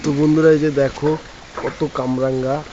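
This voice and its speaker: A man's voice: fairly high pitch, little pitch movement, normal speed, warm tone. A man chatting casually in a home vlog, rambling with many restarts. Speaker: vlogger. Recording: dull lo-fi phone audio with faint noise.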